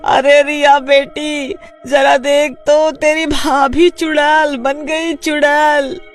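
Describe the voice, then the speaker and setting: A man's voice: a little high, a little slow, soft background music. A man voicing a fussy, nagging old mother-in-law in a cartoon story, whiny and easily frightened.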